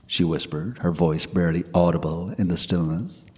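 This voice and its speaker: A man narrating a scripted ghost story in a measured, hushed way. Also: sits low, steady tone, breathy edge. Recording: long hall reverb.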